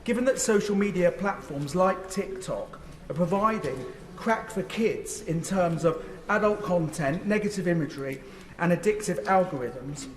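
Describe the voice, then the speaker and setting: Male backbencher, fairly high voice, prepared parliament speech, strongly reverberant room. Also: lively intonation, moderate pace. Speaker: member of parliament. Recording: reverberant, echoey chamber.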